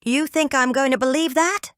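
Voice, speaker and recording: A woman voicing a large, angry, bearded man who shouts threats at his ex-wife's boss in an audiobook. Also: on the low side, expressive, normal speed, no room sound, clean studio sound, natural voice. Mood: shouting. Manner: shouting, menacing. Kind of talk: audiobook character voice.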